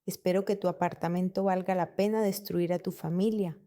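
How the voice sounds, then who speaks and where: A woman's voice: on the low side, fairly even intonation, brisk, mellow, lightly acted. A woman reading the messages of a spiteful brother who speaks with scorn. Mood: scornful.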